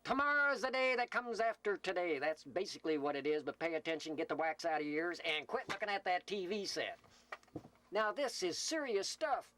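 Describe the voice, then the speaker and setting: A man with a high, pushed, bright voice and lively intonation hosts a CB radio roll call at the Slab City desert camp in California, talking a little fast. Filmed at the CB mic, he rambles through folksy, improvised announcements full of jokes and teasing.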